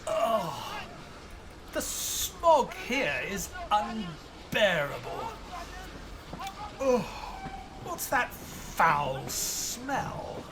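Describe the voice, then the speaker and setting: Man as slow, prim Watson. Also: high-pitched, very animated, background noise, heavily acted. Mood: disgusted. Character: prim, indignant Victorian gentleman doctor, detective's companion. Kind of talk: scripted audio play acting.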